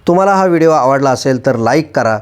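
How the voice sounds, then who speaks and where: A man giving a scripted voice-over narration as a channel narrator, in a measured way that lists items one by one. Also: mid-range voice, lively intonation, clear, resonant tone.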